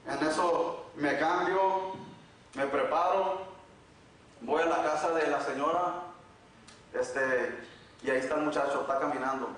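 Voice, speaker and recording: High-voiced preacher in echoey church. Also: male voice, a little slow, long pauses, fairly bright tone. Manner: repetitive storytelling, earnest. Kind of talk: sermon testimony. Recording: very echoey, from far off.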